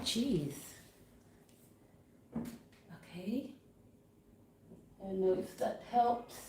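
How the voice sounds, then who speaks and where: Her medium-pitched, expressive voice moving very slowly, a Ugandan woman livestreams from her living room near a Christmas tree on a computer setup. She chats casually with viewers, apologetic and easily distracted, in a roomy recording with a noisy background.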